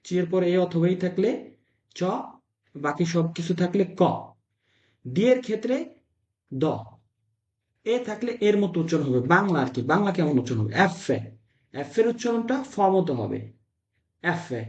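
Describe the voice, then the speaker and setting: A man teaching Italian letter sounds to a class, drilling syllables in slow repeated chants. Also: sits high, very animated, a little mellow. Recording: echoey room, dull lo-fi sound.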